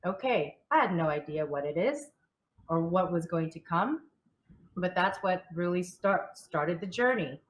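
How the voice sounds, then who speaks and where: A woman's voice: fairly low pitch, animated, unhurried, low-quality recording. A woman who coaches and channels, telling her personal story as an interview guest in a candid way, often repeating and restarting words.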